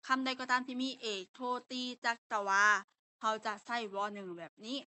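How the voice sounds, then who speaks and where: A woman's voice: fairly high pitch, fairly even intonation, moderate pace, bright, forceful tone. A young woman tutoring a language class online, explaining step by step, repeating key terms and correcting herself aloud.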